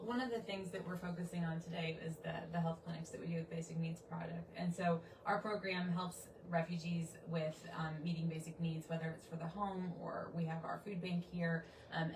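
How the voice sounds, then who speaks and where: A woman who is a program manager, explaining her program in an even, informative way. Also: on the low side, a little hiss or hum. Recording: echoey room from a distance.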